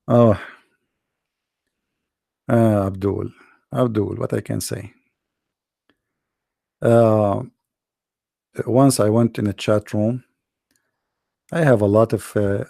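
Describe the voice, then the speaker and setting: A man's voice: lowish voice, gravelly, dark tone, dry recording, studio quality. A man hosting a live online debate stream, telling mocking anecdotes in non-native English. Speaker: livestream debate host.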